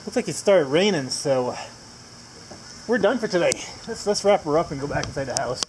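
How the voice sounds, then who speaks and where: Working on a vehicle at home, this host rambles through a casual video full of filler words and dry jokes at his own expense. His voice is a little high and expressive, at a normal pace. Loud crickets and insects make for a noisy background.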